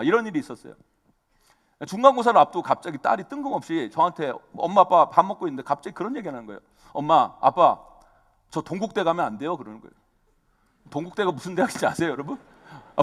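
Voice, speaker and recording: Animated male pastor preaching in a hall. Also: on the high side. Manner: animated, addresses the congregation again and again. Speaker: senior pastor. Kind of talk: sermon. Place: church sanctuary. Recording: long reverb of a church hall.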